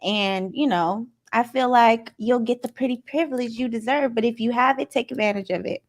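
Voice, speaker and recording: A woman's voice: fairly high pitch, moderate pace. A woman co-hosting a podcast, giving her opinions in casual chat. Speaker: podcast co-host.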